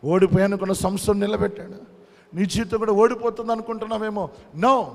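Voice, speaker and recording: A male pastor delivers a fervent sermon, hammering home his points through repetition and dropping in English phrases. His voice sits high for a man. A long hall reverb trails behind each line. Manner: preaching with emphatic repetition, mixing in English phrases.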